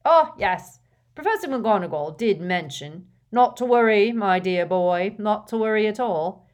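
A woman booming as a jovial portly old professor. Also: lively intonation, a little slow, darkish tone, natural voice. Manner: booming, effusive, fatherly. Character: jovial portly old male potions teacher.

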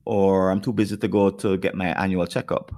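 A man's voice: deep voice, level tone, a little fast, a little mellow. A man with a Jamaican accent hosting a podcast, talking things over earnestly and turning now and then to speak straight to his listeners. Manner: earnest, reflective talk that addresses listeners directly. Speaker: podcast host. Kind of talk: casual podcast conversation.

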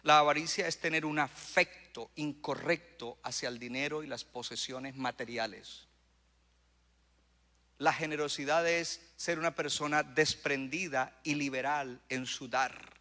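Bright-voiced preacher man, echoing hall. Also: on the high side, a little slow. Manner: preaching with rising bursts of emphasis and audience call-outs. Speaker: pastor. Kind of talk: sermon. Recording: long hall reverb.

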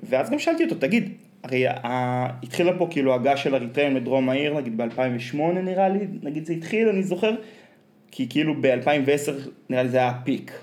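A man's voice: mid-range voice, expressive, darkish tone. A man with an Israeli accent chatting casually and telling anecdotes in a rambling, colloquial way full of slang fillers.

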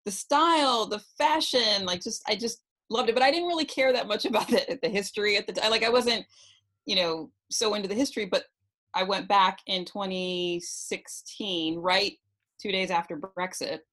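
A woman's voice: medium pitch, normal speed, a bit bright. A woman in her forties from New York City, chatting casually in a rambling, reflective way with many fillers. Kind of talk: casual chat.

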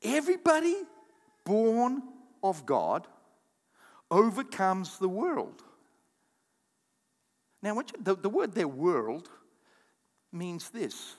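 A pastor preaches a sermon to his congregation in a high, energetic voice that leaps up and down. He calls on the crowd to repeat words and tosses in quick asides, all ringing through the hall with a long reverb.

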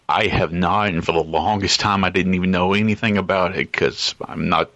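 A man leaving a voice message for a podcast, polite and measured, with frequent "uh" fillers, heard as a recorded message played back. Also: low voice, sharp tone, no room sound. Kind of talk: casual spoken message. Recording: dull lo-fi voicemail audio.

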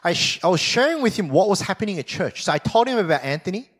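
A pastor giving a conversational sermon, telling a story with frequent rhetorical questions and "right?" check-ins. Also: male voice, sits high, very animated, fast talker, fairly bright tone. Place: church.

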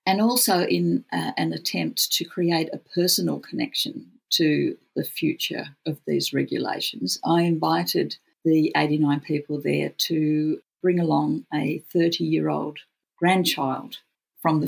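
An Australian speaker with a gravelly, husky voice who says w for r, talking reflectively as an interview guest. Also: mid-range voice, rough recording. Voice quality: cannot pronounce R's well, says w for r. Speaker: podcast guest, futurist researcher.

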